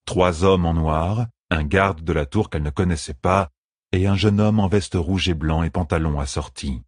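Low husky male audiobook narrator. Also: no echo, studio quality. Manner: measured, dramatic reading. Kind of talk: scripted fantasy narration.

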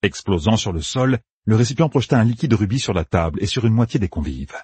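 A man narrating a fantasy audiobook with lively, dramatic reading. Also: on the low side, fast, breathy edge, dry recording.

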